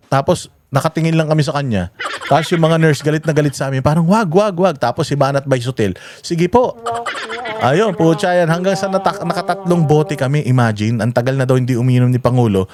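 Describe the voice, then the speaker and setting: A man with a Filipino accent telling stories in a casual vlog, animated and full of fillers and restarts. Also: on the high side, quick pace, noisy background. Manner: animated, many fillers and self-corrections. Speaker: vlogger. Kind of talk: casual storytelling.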